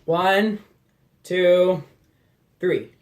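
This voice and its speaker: A chatty vlogger talks through a desk setup in a casual, rambling way, often trailing off mid-sentence. The voice sits at a middle pitch. It is recorded on a phone in a small room with a faint hiss behind it. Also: extremely slow. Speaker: channel host. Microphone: phone camera.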